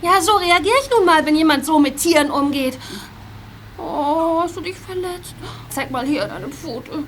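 A woman's voice: sits high, fairly quick, hardly any pauses, a little hiss or hum. An actress playing a spirited teenage girl detective who is fond of her dog. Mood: indignant. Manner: indignant, lively. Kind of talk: radio play acting.

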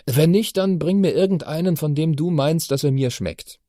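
A man voicing a tired middle-aged father in an audiobook, answering calmly and gently. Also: on the high side, normal speed, no echo, clean studio sound, voice pushed up, close to an everyday voice. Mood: patient. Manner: calm, soothing replies. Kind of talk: audiobook character voice.

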